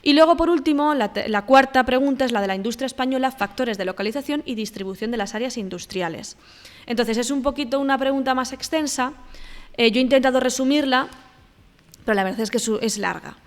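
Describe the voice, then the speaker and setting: A woman's voice: sits high, a little fast, in a large hall. A woman with a Spanish accent from Spain, teaching and walking through exam answers, with filler sounds and frequent checks for understanding. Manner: explanatory, checks in with "¿vale?", hesitant fillers. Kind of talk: exam walkthrough lesson.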